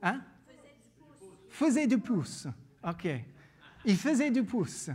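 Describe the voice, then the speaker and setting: A man from Louisiana with an American accent, a pastor whose first language is English, preaching earnestly, repeating words and pausing with fillers. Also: very high voice, lively intonation, darkish tone, husky. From Louisiana, United States. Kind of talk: sermon with personal story.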